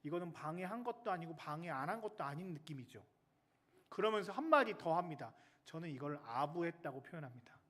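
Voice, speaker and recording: Lively high-voiced male pastor preaching. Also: brisk. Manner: lively, chatty, jokes with the children in the pews. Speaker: military chaplain pastor. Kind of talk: sermon.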